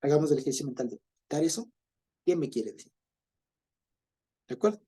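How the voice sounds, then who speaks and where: Mellow-voiced Ecuadorian man teaching Bible study. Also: a little high, very animated, a little fast, breathy edge. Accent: Ecuadorian Spanish. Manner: chatty, keeps checking understanding, chuckles often.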